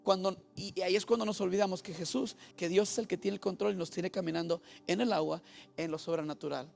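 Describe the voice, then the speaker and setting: A man's voice: high voice, steady tone, fast, creaky, darkish tone. A Mexican man preaching a bilingual sermon as pastor, going back and forth between Spanish and English and asking his congregation questions. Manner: switches between Spanish and English, repeating each point; asks the congregation questions and has them repeat.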